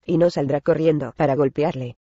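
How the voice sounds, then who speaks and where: A man reading the part of a sly, smooth-talking male traveller who coaxes a widow, in a storybook reading. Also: fairly high pitch, steady tone, a little fast, mellow, dry recording, highs cut off. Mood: cautious. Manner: coaxing and mysterious.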